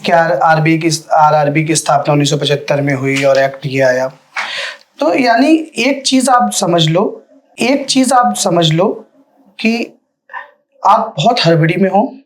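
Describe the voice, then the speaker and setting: A man giving direct, firm feedback to a candidate after a mock interview, as a panelist. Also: unhurried. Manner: direct, firm coaching, lively pitch swings.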